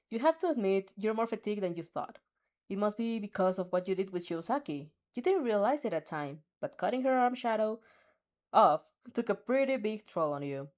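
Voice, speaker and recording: Reading a fan story aloud in second person, a woman speaks with a medium-pitched, slightly mellow voice. She stumbles over words a lot, restarts, and giggles throughout.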